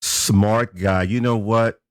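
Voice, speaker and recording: A man's voice: on the low side, fairly even intonation, slow, no room sound, studio quality. A man hosting a podcast interview, playful and teasing with his guest. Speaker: podcast host. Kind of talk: casual interview talk.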